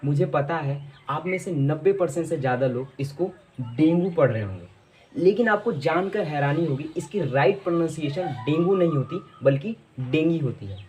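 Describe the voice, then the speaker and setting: Man, Hindi pronunciation lesson, patient, repeats words slowly, faint background noise. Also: on the high side, animated, darkish tone. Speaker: English pronunciation teacher. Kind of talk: explaining lesson to camera.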